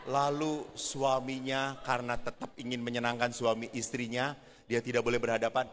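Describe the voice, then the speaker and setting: Priest man joking around in a sermon, bright voice, big echoey church hall. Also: mid-range voice, moderate pace, a faint crowd, slight background noise. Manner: animated, joking, playful storyteller. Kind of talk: humorous sermon to married couples. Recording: reverberant church hall, faint ambience.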